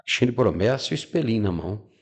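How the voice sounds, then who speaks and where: Gravelly-voiced man telling his testimony. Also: fairly low pitch, expressive, fast talker. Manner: repeats words, acts out quoted people. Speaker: podcast guest giving a testimony. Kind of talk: emotional personal storytelling.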